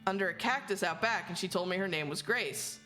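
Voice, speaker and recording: A woman's voice: lowish voice, lively intonation, a little fast, pushed and bright, soft background music. A woman reading aloud the diary of a frightened young frontier girl in a video game, with plain, rustic, childish phrasing. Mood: uneasy, childlike.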